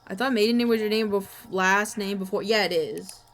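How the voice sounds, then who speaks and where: A young woman with a medium-pitched voice streams a game from home, chatting casually, muttering, and reading on-screen text aloud with quick reactions. Background music and keyboard typing can be heard.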